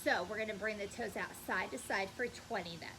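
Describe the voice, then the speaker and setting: A woman coaching a workout outside talks through each move step by step and counts in an encouraging way, her voice medium in pitch and fairly quick. Loud cicadas buzz throughout, making the audio clearly noisy.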